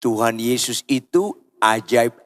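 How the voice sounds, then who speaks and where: A man from Indonesia preaching a sermon as pastor in a church, swinging from loud cries down to low murmurs and calling out to the congregation for answers. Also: slow. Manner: asks the congregation for responses. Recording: long church hall reverb.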